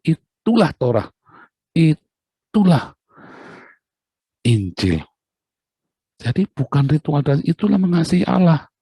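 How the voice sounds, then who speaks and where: A man's voice: fairly high pitch, big pitch swings, takes it slowly, gravelly, long pauses, dark tone, husky, no room sound. A male preacher giving a sermon in a conversational way, with asides and rhetorical questions.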